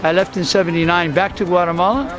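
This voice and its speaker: A man in his sixties from the US, telling his story outdoors in an unhurried, rambling way with many fillers. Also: sits high, low-quality recording. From USA. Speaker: interviewee, street vendor. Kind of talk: casual storytelling interview. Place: outdoors on a town street. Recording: travel video with loud music bed. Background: loud background music.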